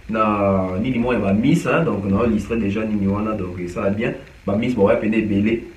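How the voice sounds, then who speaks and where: A man from DR Congo, giving casual commentary on music news and mixing in Lingala with many hesitations. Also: medium pitch. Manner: mixes French and Lingala, animated with frequent hesitations. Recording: echoey room, distant from mic.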